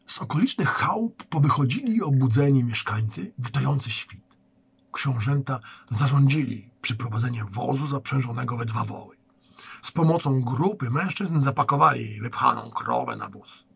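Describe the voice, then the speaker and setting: A man reading his own children's adventure book aloud in steady storytelling. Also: mid-range voice, normal speed, gravelly, breathy edge. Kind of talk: audiobook-style reading.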